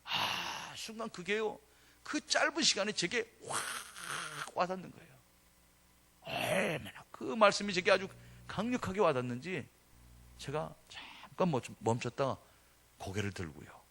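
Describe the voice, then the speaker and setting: A man's voice: sits high, unhurried, vocal fry. A middle-aged man, a pastor, preaching a sermon as a story and acting out the voices of the people in it. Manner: animated storytelling that acts out quoted voices.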